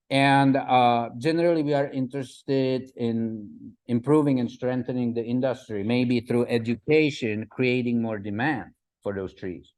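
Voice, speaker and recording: A man's voice: medium pitch, a little mellow. Man giving a gardening talk. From Czech Republic. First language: Czech. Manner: halting, many fillers and restarts, asks "right?". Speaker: guest speaker at a gardening talk. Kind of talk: presentation with slides.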